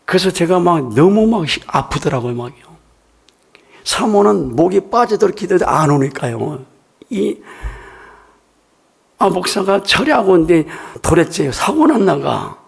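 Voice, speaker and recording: An older man preaches a sermon in a church, talking to his congregation like a storyteller. His voice is raspy with a gravelly edge. He pitches it a little high and moves it up and down a lot as he makes his points. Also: big pitch swings, unhurried, long pauses. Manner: storytelling preacher, conversational and emphatic. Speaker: pastor.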